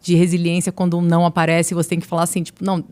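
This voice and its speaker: Talking very fast in a lowish, clear, resonant voice, this interview guest is a marketing executive in her forties from Niterói, Brazil. Years in São Paulo have softened her Rio de Janeiro Portuguese accent. She tells stories with animation, acting out quoted dialogue casually.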